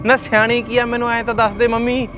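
In a web series drama, a man plays an angry young husband arguing hotly with his mother, rapid and indignant. His voice is extremely high and sharp, with a completely flat delivery, and faint music plays behind.

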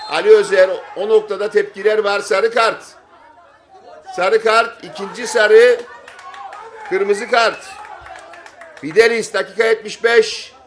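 High-pitched male football commentator over crowd noise. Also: steady tone. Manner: clipped short phrases, drawn-out calls at key moments. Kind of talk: excited play-by-play football commentary, shouting at big moments. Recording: stadium crowd noise behind voice.

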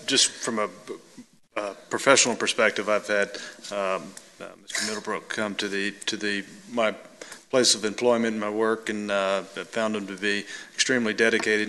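A man on a city council speaking off the cuff, halting and full of fillers. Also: fairly low pitch, little pitch movement, pushed and bright. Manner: halting, many fillers and restarts. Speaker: council member. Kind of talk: casual remarks at council meeting. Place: council chamber. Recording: long reverb with faint room noise.

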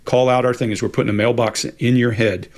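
A man's voice: medium pitch, a little fast. Late-fifties guy on a webcam call, easygoing, explains stuff plainly. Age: 50s. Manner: relaxed, explanatory, laughs easily. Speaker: co-host. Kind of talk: casual live Q&A chat. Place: home office with bookshelves. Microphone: video call webcam.

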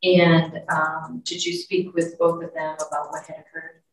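A woman acting as prosecutor puts formal questions to a witness in court, her low voice flat and measured in pace. She is captured from far off in an echoey courtroom, with a distant mic and faint noise.

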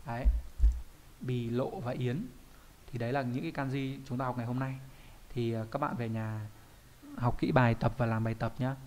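Guy teaching japanese, mid pitch, quizzes himself as he goes. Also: steady tone, normal speed, pauses often, a little mellow, slight background noise. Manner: poses quiz questions and answers them himself. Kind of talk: explaining an online kanji lesson.

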